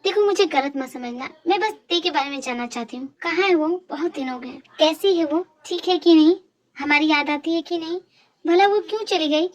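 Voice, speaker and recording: A woman's voice: sits high, brisk, lo-fi sound, lightly acted. A woman doing a fussy doting mom. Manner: scolding, fussing. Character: fussy doting middle-aged mother. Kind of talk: amateur fan dub.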